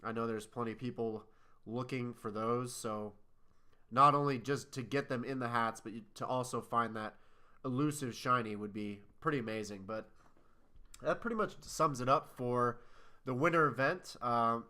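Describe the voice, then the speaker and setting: A podcast co-host with a medium-pitched, sharp voice at normal speed chats casually. He sounds nasal and congested from a cold, rambling and correcting himself as he goes.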